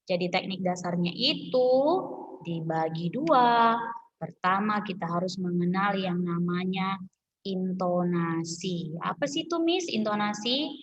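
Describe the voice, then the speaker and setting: A woman's voice: medium pitch, a bit bright, muffled recording. A woman music teacher giving an online class lesson on a video call, explaining patiently step by step and often checking in with her students.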